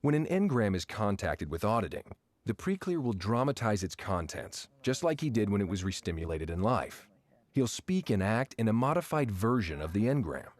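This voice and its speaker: A man giving a scripted instructional narration, explaining each step clearly. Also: lowish voice, big pitch swings, moderate pace, dry recording.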